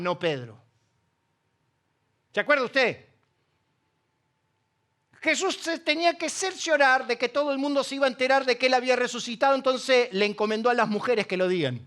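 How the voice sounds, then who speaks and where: A man's voice: extremely high pitch, a little fast, long pauses, pushed and bright. A middle-aged male pastor with a Rioplatense Spanish accent, preaching a humorous, story-filled sermon and asking the congregation questions. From Argentina.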